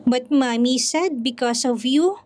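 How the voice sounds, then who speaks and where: A woman voicing a small, tearful and hurt boy who speaks slowly and plaintively. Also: high-pitched.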